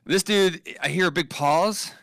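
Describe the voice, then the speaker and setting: A man co-hosting a live show, telling stories in a casual, profane, animated way. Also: high voice, unhurried, gravelly, dry recording, studio quality. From West Virginia. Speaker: co-host. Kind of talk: casual chat.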